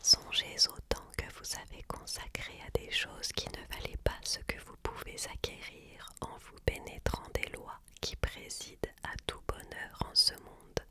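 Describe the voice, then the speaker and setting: Slow, hushed library whisper, ASMR reading. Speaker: ASMR reader.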